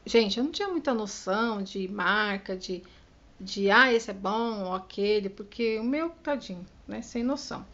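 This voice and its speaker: A woman's voice: mid-range voice, a bit bright, highs cut off. A middle-aged woman from Brazil, chatting to camera as a vlogger, acting out the voices of her family as she tells a story. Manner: chatty, acts out dialogue with her daughter and husband.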